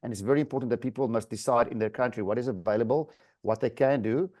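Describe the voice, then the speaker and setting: A man's voice: medium pitch, fast talker, a little mellow. A man speaking as a webinar panelist, hesitating and repeating words as he closes his remarks. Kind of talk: discussion on a video call. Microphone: video call.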